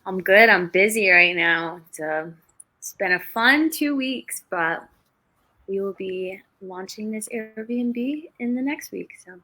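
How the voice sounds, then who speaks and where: A young woman in her twenties talks through her stories as an interview guest. Her voice sits at a middle pitch, and she keeps a chatty, easygoing flow. The talk is casual and unscripted. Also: lively intonation, slow, bright, forceful tone. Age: 20s. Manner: chatty storyteller, laughs between stories. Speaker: guest, real estate investor. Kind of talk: casual interview over a livestream.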